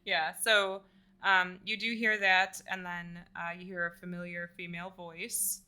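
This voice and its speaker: Bright-voiced woman running a tabletop game. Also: lowish voice, flat delivery, clear, resonant tone. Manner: laughs often, halting with fillers. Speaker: game master.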